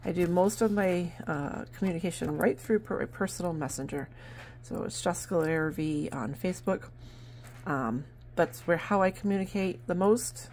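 This middle-aged New Hampshire woman, a vlogger and barn sale seller, has a lowish, darkish voice and talks at normal speed. She rambles casually to camera about her barn sales with frequent fillers, filmed on a handheld phone while sitting at a table in her home.

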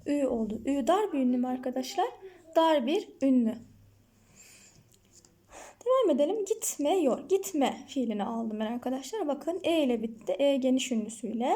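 A woman teacher explaining grammar in an online lesson, asking the class questions and answering them herself, repeating example words slowly and clearly. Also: high-pitched, expressive, dark tone.

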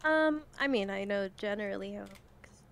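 A woman's voice: medium pitch, expressive, normal speed, vocal fry, fairly bright tone, slight background noise. A woman chatting with a friend on a call, teasing and giggly. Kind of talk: casual chat.

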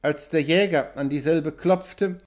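A man narrates an adventure novel as an audiobook. His reading is steady and even. His voice sits a little high for a man. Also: unhurried. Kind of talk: scripted narration.

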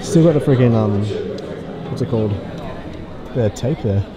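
A young man in his twenties filming a casual travel vlog with a handheld camera, excited and swearing casually as he tours a stadium. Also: mid-range voice, moderate pace, a loud crowd. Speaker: vlogger. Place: stadium and museum, indoors and outdoors. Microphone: camera held at arm's length.

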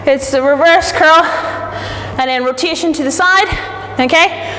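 Echoey, very high-pitched fitness instructor woman. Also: measured pace, fairly bright tone. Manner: encouraging, out of breath from exercising. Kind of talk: live workout coaching. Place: large indoor studio with wooden floor. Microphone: distant camera. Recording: echoey hall from far off, noisy.

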